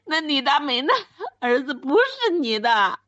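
A woman's voice: high-pitched, big pitch swings, a little slow, fairly bright tone, no room sound, heavily acted. A woman playing a wronged wife of ten years in a comedic radio skit, speaking, wailing and pleading. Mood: insistent. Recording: dry, dull lo-fi sound.

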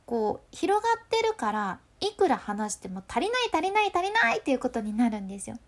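A woman's voice: on the high side, very animated, a little fast. A woman with a Hakata accent explains voice control in a casual, playful way, laughing often. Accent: Hakata dialect.

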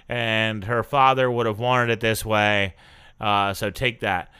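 A man's voice: mid-range voice, bright, forceful tone, clear, resonant tone. A man hosting a podcast, chatting casually and reviewing a show in a rambling, self-correcting way. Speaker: podcast host.

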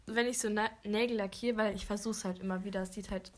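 A woman's voice: mid-range voice, steady tone, fast talker. A young teenage girl chatting casually in a giggly, slangy way as she answers a friend's questions. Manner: giggly, youthful teen slang. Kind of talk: casual chat in a question challenge.

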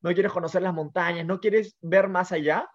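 A weary, starving wolf from a spoken fable asks questions with urgent earnestness, as a man puts him on. The voice sits a little high. The sound is muffled and lo-fi. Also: fairly even intonation, moderate pace, natural voice. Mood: pleading, wondering. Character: starving, tired wolf who prizes freedom.

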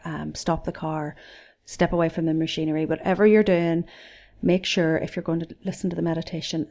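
A woman's voice: fairly low pitch, darkish tone. Woman podcaster, earnest and encouraging. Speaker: podcast host and meditation guide. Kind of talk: informal podcast talk on spirituality.

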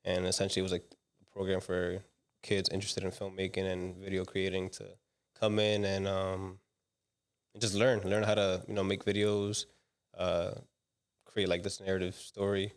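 A young Dominican man, a commercial director, appears as a guest in a relaxed interview. He speaks at a normal pace in a low, fairly flat voice, recounting his story loosely with plenty of slang and filler words.

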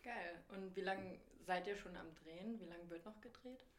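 A woman hosting a casual interview podcast, asking relaxed follow-up questions. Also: fairly low pitch, normal speed. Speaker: podcast host. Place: her living room. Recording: echoey home room.

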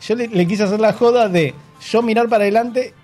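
A young adult man with a Rioplatense Spanish accent, co-hosting a casual radio chat, telling animated anecdotes and tripping over his words. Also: sits high, faint music behind. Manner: fast, animated, stumbling anecdotes. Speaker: radio show co-host.

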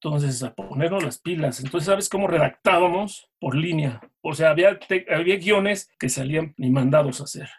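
Gravelly Mexican man telling newsroom stories. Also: a little high, normal speed, few pauses. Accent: Mexican Spanish. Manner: animated anecdotal storyteller, quotes others. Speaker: guest, former TV news writer. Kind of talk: conversational storytelling interview.

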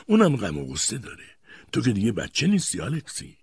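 Man putting on a gentle old granny voice, soft, raspy, dry sound. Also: mid-range voice, wildly swooping pitch, dry recording, pitched above the performer's own voice, exaggerated voice. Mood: tender. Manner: soft, coaxing. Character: gentle, kindly old grandmother.

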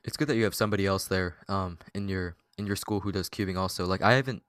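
A teenage boy hosting a casual podcast chat, talking haltingly with many fillers and restarts. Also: deep voice, fairly bright tone, dry recording. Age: teens. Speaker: podcast host.

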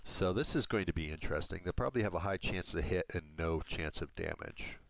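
A man running a tabletop game over voice chat as game master, musing through his rulings with low-key restarts. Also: lively intonation, fairly quick, a bit bright. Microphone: home headset or desk mic, level jumping.

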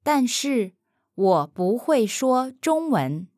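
Slow, lively-voiced woman modeling Mandarin. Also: fairly high pitch, no room sound, clean studio sound. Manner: slow, careful pronunciation, says each phrase twice. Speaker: Mandarin speaker modeling answers. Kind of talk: slow repeated model answers.

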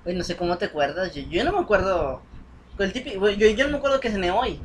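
A man's voice: sits high, expressive, quick pace, a little hiss or hum. A young man chatting casually, joking and slangy. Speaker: podcast co-host. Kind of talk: casual chat.

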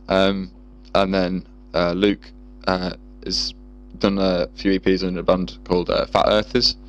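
A man's voice: low voice, gravelly, a little hiss or hum. A man in casual chat, rambling and swearing freely with lots of fillers. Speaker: guest musician.

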